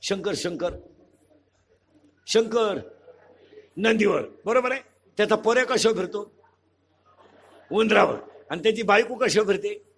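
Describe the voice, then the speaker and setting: A man preaching a comic devotional kirtan sermon, loud and rhythmic, with joking asides and rapid-fire lists. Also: high-pitched, slight background noise.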